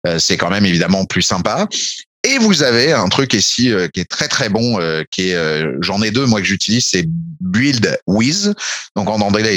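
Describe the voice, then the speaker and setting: A man's voice: on the low side, fairly bright tone, dry recording. A man giving a casual spoken explanation as a tech speaker, hesitating often with fillers and restarts and dropping informal asides.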